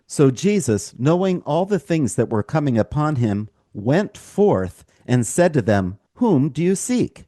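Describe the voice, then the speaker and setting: Dark-voiced man reading scripture. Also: fairly high pitch, sing-song, unhurried, hardly any pauses, no room sound, studio quality. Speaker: podcast co-host, scripture reader. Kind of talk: Bible reading and discussion.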